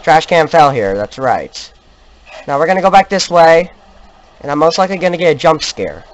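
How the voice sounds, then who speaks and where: A man's voice: on the high side, sing-song, normal speed. A man giving let's play commentary on a horror game. He yelps at scares and then jokingly insists he is not scared. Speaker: gamer.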